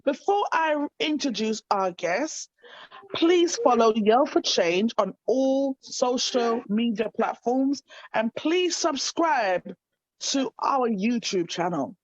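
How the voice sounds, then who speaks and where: A woman's voice: fairly high pitch, no echo. Upbeat woman hosting an interview. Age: 30s. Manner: enthusiastic, affirming. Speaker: host. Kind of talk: online interview show. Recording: dry, slightly dull sound.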